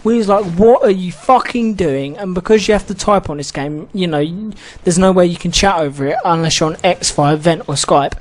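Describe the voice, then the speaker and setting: This high-pitched male gaming host talks briskly, barely pausing as he vents about an online match. Swearing constantly, he gets heated and keeps restarting his rambling sentences.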